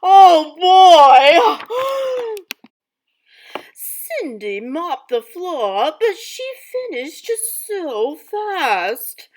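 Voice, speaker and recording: A haughty, exasperated wicked stepmother tells her side of a storybook tale, voiced by a woman reading aloud. She speaks loudly and theatrically, her high voice swooping up and down as she complains, and she takes her time over each line. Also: very animated, very slow, heavily acted.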